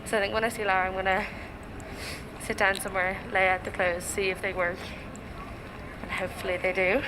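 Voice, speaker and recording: A woman's voice: mid-range voice, level tone, brisk. A young woman talking casually and informally to a vlog camera. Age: young adult. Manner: chatty, informal. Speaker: student vlogger. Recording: noisy outdoor city vlog.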